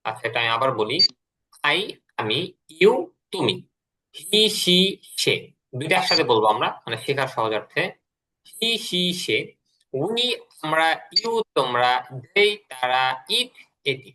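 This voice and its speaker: A man teaching English to adult learners in an online class, patiently repeating words slowly for them to follow. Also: mid-range voice, lively intonation, sharp tone, low-quality recording.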